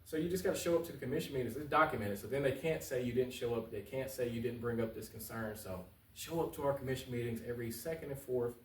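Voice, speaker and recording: A fast-talking man with a mid-range voice and few pauses gives interview answers as a political candidate. His style is casual and conversational but emphatic, and he restates points to stress them. Expect an echoey room, a distant mic and some faint noise.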